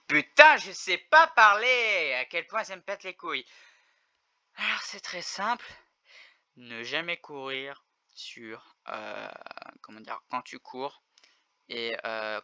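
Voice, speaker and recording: A young man casually commenting on videos as a streamer, swearing, joking and exclaiming loudly. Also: mid-range voice, no room sound, lo-fi sound. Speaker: gaming streamer reacting to videos.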